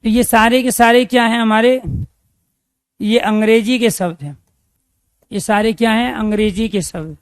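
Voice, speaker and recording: A man's voice: high-pitched, steady tone, moderate pace, long pauses, clear, resonant tone, no echo. A man teaching a grammar lesson, repeating key phrases and asking questions he then answers himself.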